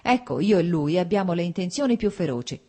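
A woman reading the part of a jovial, charming middle-aged nobleman, hearty and hurried. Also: on the low side, lively intonation, dark tone.

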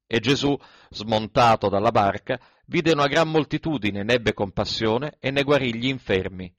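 A man reading scripture aloud in a measured, even recitation. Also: medium pitch, dry recording. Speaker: scripture reader.

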